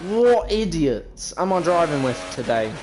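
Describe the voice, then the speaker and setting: Playing a racing game, this British gamer and video creator keeps up a casual, grumbling, exasperated commentary at a measured pace. His voice sits on the high side with big pitch swings and a darkish tone, while the game's racing engine roars underneath.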